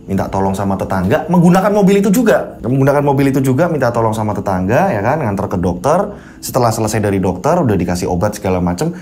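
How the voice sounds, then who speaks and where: A storyteller casually narrating a horror tale, with chatty asides and dramatic pauses. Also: male voice, mid-range voice, sing-song, mellow, slight background noise. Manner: conversational, dramatic pauses, fillers like "ya kan".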